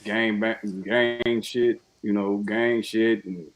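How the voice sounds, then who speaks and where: A man's voice: fairly low pitch, level tone, slow pace. Laid-back profane man from Chicago. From Chicago, USA. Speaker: podcast guest. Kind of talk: casual chat.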